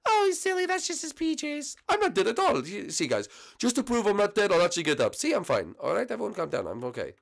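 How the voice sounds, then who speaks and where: A goofy little plumber, as a man puts him on in a high, bright voice. He sounds cheerful and reassuring. The pitch bounces all over in a homemade puppet comedy. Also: huge pitch swings, quick pace, vocal fry, hardly any pauses, heavily acted.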